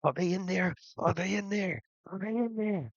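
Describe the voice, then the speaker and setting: A haunted, tormented old man, as a game master puts him on, slow and unsettled, lurching from hushed muttering to high cries. The voice is dry and close. The sound is slightly dull and lo-fi. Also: no echo. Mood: frantic. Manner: shifts between low muttering and high screams.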